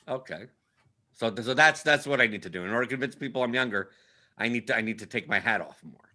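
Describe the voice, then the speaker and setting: Hosting a casual sports livestream from his computer on a split-screen video call, a man in his early forties speaks fast in a sharp, mid-range voice. He repeats himself and tags sentences with "right?", complaining in a self-deprecating way.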